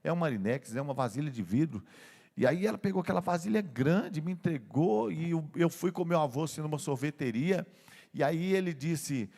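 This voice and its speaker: An older pastor from Brazil tells a story from his own life in a sermon, his slightly high voice rough and gravelly. He often slows down and drops his voice low and soft. The sound carries a long church-hall reverb. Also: expressive. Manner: tells a personal story with emotion, often slowing and dropping to a soft voice. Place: church sanctuary.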